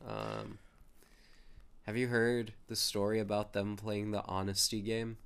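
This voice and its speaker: A man's voice: on the low side, unhurried, vocal fry, clean tone. A young man co-hosting a casual podcast, sick with a congested, nasal voice, chatting and telling rambling stories. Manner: rambling storyteller, animated when excited. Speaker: podcast co-host. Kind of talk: casual chat.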